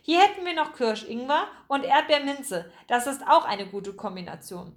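A woman voicing an eager, excitable young woman helping in a shop in a storybook. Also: high-pitched, moderate pace.

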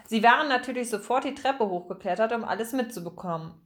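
A woman narrating a children's audiobook in a calm, even storytelling manner. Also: fairly high pitch, quick pace.

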